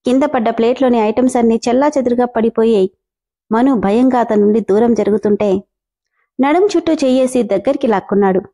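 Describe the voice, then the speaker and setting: A woman storyteller narrates a scripted story in a steady, expressive reading. Her voice sits fairly high but sounds mellow and soft-edged. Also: brisk.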